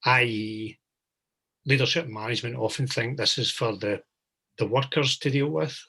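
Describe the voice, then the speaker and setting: A man asks a guest speaker a question at an online meetup. His voice is bright and forceful with a husky edge. He is polite and thoughtful, building up his point at length. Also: medium pitch, moderate pace. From Glasgow, Scotland. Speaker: meetup attendee asking a question.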